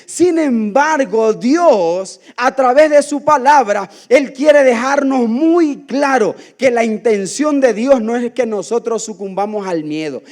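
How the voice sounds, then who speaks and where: A man's voice: extremely high pitch, a little mellow. A man in his forties with an Ecuadorian accent, a pastor preaching a sermon and telling stories straight to his congregation. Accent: Ecuadorian Spanish. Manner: storytelling, addresses congregation directly, acts out dialogue.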